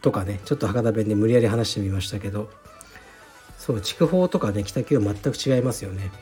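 A man from Fukuoka hosting his own podcast, answering listener letters in a relaxed, frank, offhand way, with many fillers. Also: lowish voice, brisk, faint music behind. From Fukuoka, Japan. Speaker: podcast host, jiu-jitsu gym founder. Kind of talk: casual solo talk answering listener letters.

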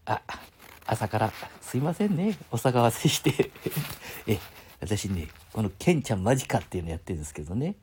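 A man's voice: lowish voice, big pitch swings, fairly quick, darkish tone, a little hiss or hum. A man in his seventies with a Mikawa dialect, chatting casually and rambling on a live stream from his home, often chuckling. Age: 70s. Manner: rambling, chuckling, talks to himself.

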